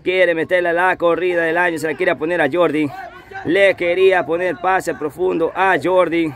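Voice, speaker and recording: An amateur football commentator, a man with a fairly high, fairly bright voice, gives live play-by-play from outdoors at the pitch. His tone stays steady, his pace moderate, and he keeps repeating the same phrases.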